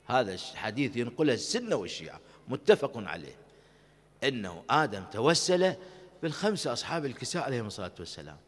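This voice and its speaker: A man's voice: medium pitch, very animated, quick pace. A man with an Iraqi Arabic accent preaching a sermon at a shrine, impassioned and pleading, with some lines chanted melodically. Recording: long reverb of a large hall.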